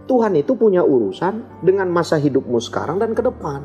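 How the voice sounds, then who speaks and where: A man as an interview guest, telling a personal story in an expressive, animated way. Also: sits high, brisk, soft background music.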